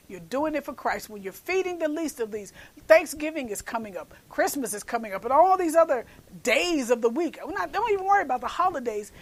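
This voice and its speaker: A woman's voice: high-pitched, poor audio. A woman host preaching an earnest message, repeating phrases and urging her listeners to act. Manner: calls listeners "baby". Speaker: show host and minister.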